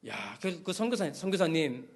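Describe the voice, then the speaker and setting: A middle-aged man with a high voice preaches from the pulpit. He tells stories and acts out phone calls in an animated way. His voice rises and falls often as he goes. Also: moderate pace, vocal fry. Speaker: pastor. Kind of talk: sermon.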